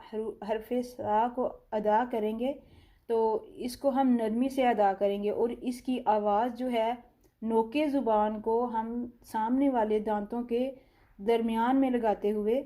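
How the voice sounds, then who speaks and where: A woman with a Pakistani Urdu accent gives a slow, step-by-step recitation lesson. Her voice sits fairly high but stays even and level, with a dark, mellow tone. She draws out each letter sound before explaining it calmly. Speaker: Quran recitation teacher.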